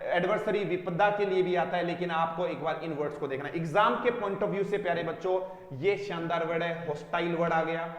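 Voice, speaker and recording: A man's voice: on the high side, fairly even intonation, normal speed, hardly any pauses, highs cut off. A man teaching an online English vocabulary class, who calls his students dear children and keeps asking questions and repeating the answers. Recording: echoey room with long reverb.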